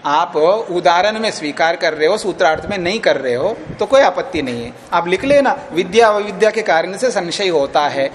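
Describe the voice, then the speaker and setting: A man with an Indian accent teaches philosophy, arguing firmly and patiently in a classroom debate and repeating his points. His voice is high-pitched and animated, at normal speed with few pauses, over a little hiss or hum.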